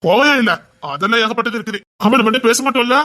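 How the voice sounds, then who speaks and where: A man's voice: very high-pitched, fast talker, pushed and bright. A young man playing a devoted, apologetic lover in a web series drama, coaxing and pleading affectionately. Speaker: actor.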